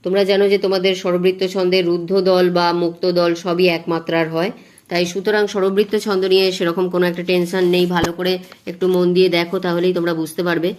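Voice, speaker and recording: A woman tutor, teaching verse metre step by step, slowly chanting poem lines and counting syllables aloud. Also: on the low side, little pitch movement, darkish tone. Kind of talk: exam-prep lesson on verse metre.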